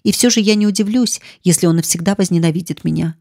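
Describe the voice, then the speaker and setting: A grave, earnest young gentleman speaks in a measured way, as a woman narrator puts him on. The voice stays lowish and even. The audiobook sound is dry and close. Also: no echo. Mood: brooding.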